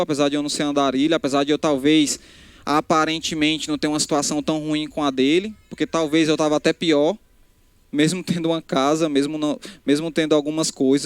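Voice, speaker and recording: A young man preaches a casual live sermon into a handheld microphone, his voice a little high and smooth with no echo. Conversational, he addresses the crowd directly and often restarts his sentences.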